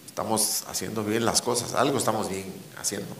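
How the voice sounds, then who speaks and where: A Guatemalan man hosts a casual chat in a fairly low voice. He is relaxed, backs his guest up with quick agreement and drops local sayings into the talk. The room around him has an echo. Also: slight background noise. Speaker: podcast host. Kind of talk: casual podcast conversation.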